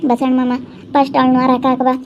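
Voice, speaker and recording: A woman vlogger with a rural Chitradurga Kannada accent speaks fast in a high, monotone voice, insistent, urging and consoling. She's hosting casual chat and signing off her channel, in a dull lo-fi recording with slight background noise.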